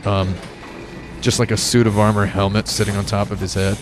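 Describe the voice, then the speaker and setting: A man's voice: on the low side, little pitch movement, brisk, noisy background. A man streaming a video game with casual, rambling, slangy commentary full of exaggeration. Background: game music and dialogue.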